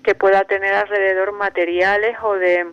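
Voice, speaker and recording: A man as a guest expert, explaining in a measured, reflective way and often ending points with a questioning "no?". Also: sits high, little pitch movement, clear, resonant tone. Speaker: guest expert on emotional wellbeing. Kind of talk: explanatory radio interview answer. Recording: dull phone line.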